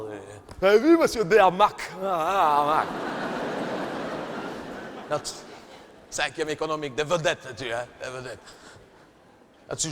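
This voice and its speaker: A man playing a gruff male school gym teacher in a live stand-up sketch, grumbling and scolding his pupils. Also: fairly high pitch, fairly bright tone, slight background noise, close to an everyday voice. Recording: reverberant live arena recording.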